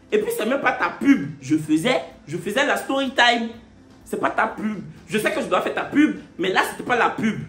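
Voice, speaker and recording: Young male vlogger, lively storytime delivery, roomy sound with soft music under. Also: high-pitched. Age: 20s. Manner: animated, switches between French and slow deliberate English. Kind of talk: casual storytime vlog.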